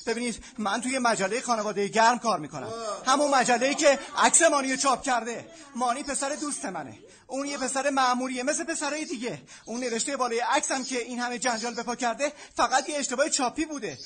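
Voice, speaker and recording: A man's voice: very high voice, few pauses. An actor playing a flustered male journalist who pleads with a noisy crowd to listen. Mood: pleading. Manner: pleading, trying to calm a crowd. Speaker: magazine journalist and family friend. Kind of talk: Iranian film comedy acting. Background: crowd of people.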